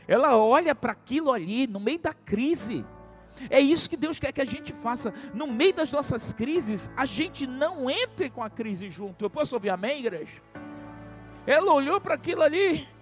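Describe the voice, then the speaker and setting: A male pastor preaches with a very high-pitched voice and a dramatic, storytelling delivery. He calls out to the congregation and jokes with them between points. Soft music hums in the background. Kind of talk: sermon.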